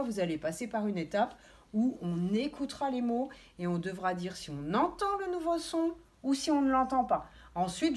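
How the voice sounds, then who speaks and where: A woman teaching a recorded lesson to young children, stressing words slowly and clearly. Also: mid-range voice. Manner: slow, sing-song word stress for children; clear instructive tone, addressing children and parents. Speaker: kindergarten teacher.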